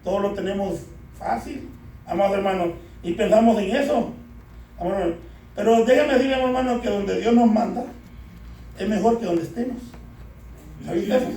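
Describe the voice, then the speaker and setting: High-voiced preacher in an echoey hall. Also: male voice, normal speed, gravelly, long pauses, mellow. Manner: keeps calling out "amados hermanos" and asking the congregation to answer. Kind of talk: sermon. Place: church. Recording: echoey church hall, distant from mic.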